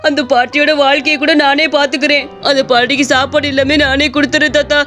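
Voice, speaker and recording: Woman playing a greedy cartoon butcher, cowardly, scheming, high-pitched, anxious. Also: fairly even intonation, fast, soft background music, natural voice. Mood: panicked pleading. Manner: scheming, then panicky pleading. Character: greedy, cowardly male mutton seller.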